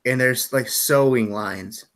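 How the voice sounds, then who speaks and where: A man's voice: mid-range voice, slow, a bit bright, slight background noise. A man running a tabletop game as game master over a video call, describing scenes loosely with lots of fillers.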